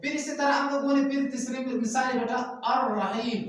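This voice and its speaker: A man's voice: very high voice, fairly even intonation, moderate pace. A man teaching a grammar class, drilling his students with repeated questions and calling them "beta". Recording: very echoey room, voice from far off.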